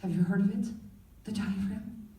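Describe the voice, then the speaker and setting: A woman telling a comic, profane personal story on stage with animated delivery. Her mid-range voice comes through a distant mic in a roomy hall. A faint ambient hum sits underneath. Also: medium pitch, moderate pace. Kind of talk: live storytelling performance.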